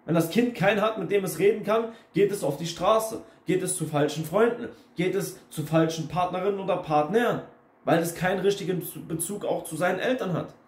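A man's voice: sits high, brisk. A young man talking bluntly to camera in a casual, repetitive lecturing monologue, mixing in English phrases. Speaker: self-help video host. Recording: echoey room.

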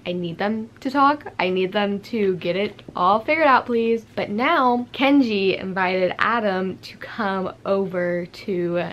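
A woman's voice: mid-range voice, slow, few pauses, a bit bright, slight background noise. Chatty young woman gushing about books. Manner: chatty, gushing, filler-heavy with frequent "like". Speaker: book vlogger. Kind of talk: casual reading vlog.

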